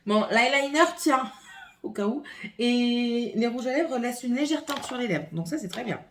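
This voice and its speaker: A woman's voice: on the high side, normal speed. A woman vlogger filming a casual makeup haul at home on her phone, chatting and thinking aloud as she opens and swatches products. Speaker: beauty vlogger. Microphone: phone camera.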